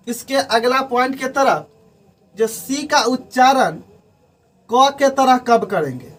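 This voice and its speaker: A man teaches English pronunciation at a board, in an unhurried classroom manner. He speaks slowly with a very high voice and spells out words letter by letter. His voice is picked up from a distance, away from the mic. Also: fairly bright tone. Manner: slow, explanatory, spelling out letters one by one. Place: room with a board.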